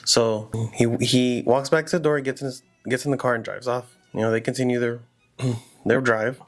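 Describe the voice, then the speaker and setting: A man's voice: mid-range voice, steady tone, moderate pace, soft background music. A man casually telling a horror story aloud, in a loose, rambling conversational way full of "you know" and "like".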